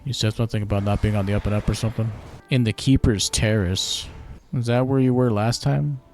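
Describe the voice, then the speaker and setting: A man giving casual commentary while playing a game, reading quest lines aloud in a livelier voice and dropping to quiet offhand remarks, close to his mic. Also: fairly low pitch, fairly quick. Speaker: gaming commentator. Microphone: close desk microphone.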